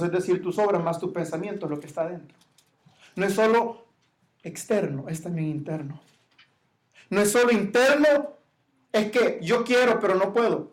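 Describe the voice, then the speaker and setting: High-voiced man preaching a sermon. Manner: preaching with rising shouted emphasis on quoted cries. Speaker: pastor.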